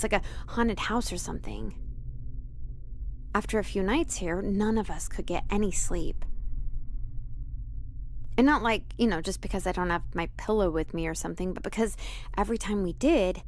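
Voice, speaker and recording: An actress playing a quirky, rambling, excitable young woman in a video game. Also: mid-range voice, normal speed, a little hiss or hum, natural voice. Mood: earnest, uneasy. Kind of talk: video game character acting.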